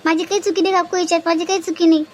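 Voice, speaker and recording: A woman's voice: very high-pitched, level tone, racing, slight background noise. A woman voicing a timid young village girl who pleads her innocence, speaking with a Varhadi Marathi accent. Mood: pleading. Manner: pleading, defensive.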